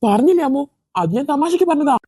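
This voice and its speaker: A woman's voice: high voice, big pitch swings, fast, dark tone, dry recording, studio quality, pitched below the performer's own voice. A woman voicing a teenage schoolboy leader who keeps brushing things off as a joke. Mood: sheepish. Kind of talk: cartoon voice acting.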